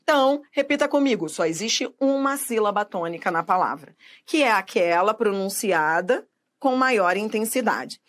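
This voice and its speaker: Speaking directly to the viewer in a grammar video, a woman asks her own questions and then answers them, drawing out example words slowly. Her voice is fairly high in pitch and fairly bright in tone.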